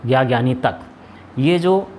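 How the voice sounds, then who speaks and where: A man's voice: mid-range voice, lively intonation, unhurried, darkish tone, slight background noise. A man teaching a Hindi grammar lesson, asking questions and then answering them himself, with frequent hesitations and restarts. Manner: explains step by step, asks and answers his own questions. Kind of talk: classroom lesson.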